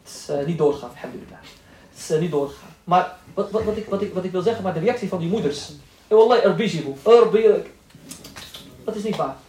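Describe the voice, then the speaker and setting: Fast-talking man lecturing in an echoey hall. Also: high-pitched, expressive, darkish tone. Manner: quick-talking, joking, acts out people in stories. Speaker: Islamic lecturer. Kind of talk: lively classroom lecture with anecdotes. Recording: echoey room, voice from a distance, faint noise.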